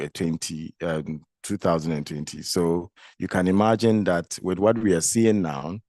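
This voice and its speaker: Deep, groggy-voiced Ghanaian man presenting. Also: a little mellow, no room sound, studio quality. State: groggy, congested with flu. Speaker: guest speaker, specialist physician and nephrologist. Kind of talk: medical conference presentation.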